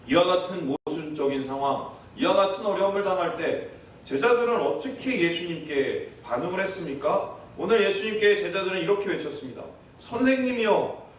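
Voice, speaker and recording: Male pastor, high lively voice, animated sermon, distant mic, booming church echo. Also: a little hiss or hum. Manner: animated preaching, acting out quoted voices. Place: church sanctuary. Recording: echoey church, from far off.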